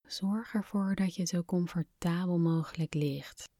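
A woman guiding a relaxation exercise in a soft, breathy, soothing near-whisper, like a spa meditation. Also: lowish voice, steady tone, a little slow, no room sound, studio quality. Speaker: podcast host, relaxation guide.

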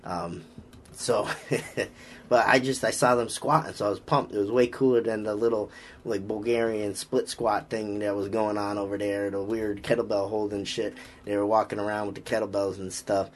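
On a podcast, a Boston-accented man with a lowish, level voice and moderate pace talks casually as a strength coach, enthusiastic about lifting but meandering, full of fillers and restarts. Slight hiss or hum is audible.

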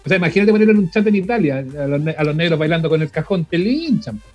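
A man's voice: a little high, lively intonation, fast, muffled recording, faint music behind. A middle-aged Chilean man hosting a podcast in casual, slangy conversation. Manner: colloquial, slangy. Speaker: podcast host. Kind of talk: casual chat.

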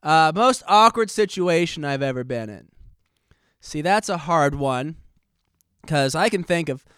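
Unhurried and lively in intonation, a podcast host in his late twenties tells a rambling, self-deprecating, joking story. His voice sits a little high for a man, smooth, clean and fairly bright, and he is slightly out of breath. The close, dry recording has no echo.

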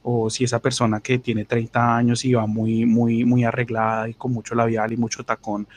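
A man's voice: medium pitch, completely flat delivery, moderate pace, slight background noise. A young man with a Bogotá Colombian accent, casually telling a crude, slangy story on a podcast and mimicking other people's voices. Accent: Colombian Spanish, Bogotá. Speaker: podcast co-host.

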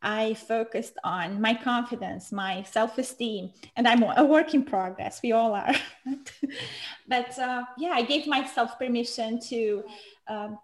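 A woman in her thirties from Romania talks as a guest on a podcast, with a slightly high voice. She speaks in quick bursts, laughs often and keeps checking in with "right?". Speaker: podcast guest, marriage coach. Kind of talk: casual interview chat.

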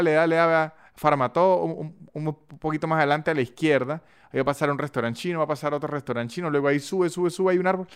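Chatty Venezuelan Andean man, smooth voice. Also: mid-range voice. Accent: Venezuelan Andean (gocho). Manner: animated, chatty storytelling with acted-out voice notes. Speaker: podcast host. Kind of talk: casual podcast monologue.

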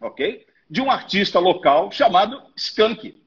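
A middle-aged man with a raspy voice, a radio executive telling stories in a casual interview. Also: high voice, slow. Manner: relaxed, chatty, swears casually. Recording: dull lo-fi sound.

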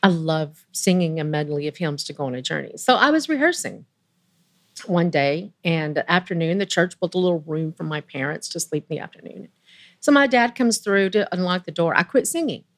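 Speaking expressively in a low voice, a woman shares a personal story as a guest in an interview; she's earnest and emotional, with pauses and restarts along the way.

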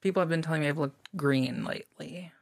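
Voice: medium pitch, vocal fry, poor audio. A podcast co-host reading a creepy story aloud, then chatting casually and laughing often. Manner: laughs often, drawn-out emphasis.

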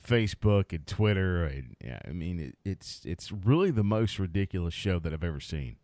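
A man's voice: deep voice, normal speed, no echo. A man co-hosting a sports podcast in casual chat, laughing easily. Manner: animated, laughs easily, counts in the show. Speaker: podcast co-host.

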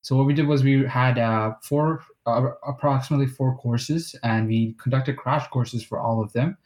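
A man's voice: medium pitch, fairly even intonation, moderate pace, darkish tone. A nineteen-year-old man co-hosting a casual podcast, explaining steadily with uh fillers. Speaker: podcast co-host.

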